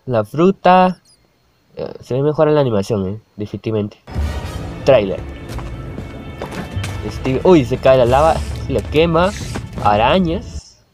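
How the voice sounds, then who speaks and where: A man's voice: mid-range voice, animated, measured pace, pauses often, a little mellow, soft background music. Chatty young man reacting, laughing. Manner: chatty, laughs often, exclaims at the screen. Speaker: YouTuber reacting to a video. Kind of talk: casual reaction commentary.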